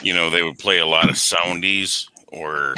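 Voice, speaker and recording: A man's voice: low voice, fairly even intonation, normal speed, background noise. A man with a lisp chatting casually on a talk show, rambling and often correcting himself. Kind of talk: casual chat.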